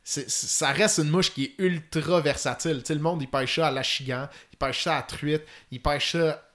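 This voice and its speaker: Quebec man, fly-fishing expert, slightly higher voice, technical and detailed, lots of fillers. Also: steady tone, normal speed, a bit bright. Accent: Quebec French. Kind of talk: casual podcast chat.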